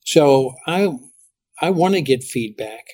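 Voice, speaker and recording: Animated middle-aged man telling stories. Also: medium pitch, slow pace. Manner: animated storytelling with lots of restarts. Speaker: guest pastor. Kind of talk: podcast interview.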